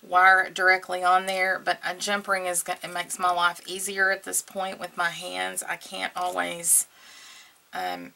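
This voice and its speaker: A woman hosting a casual craft tutorial with a gravelly voice and a slightly sore throat, murmuring unhurriedly as she works. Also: fairly low pitch, monotone, normal speed, hardly any pauses, sharp tone, a little hiss or hum. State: slightly sore throat, clearing it now and then. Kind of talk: casual hands-on craft tutorial, talking while working.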